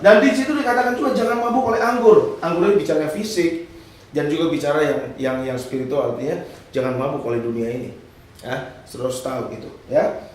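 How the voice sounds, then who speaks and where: A man preaching a lively, humorous sermon and drawing responses from his congregation. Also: on the high side, quick pace, a little hiss or hum. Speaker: pastor. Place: church hall. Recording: echoey hall, mic at a distance.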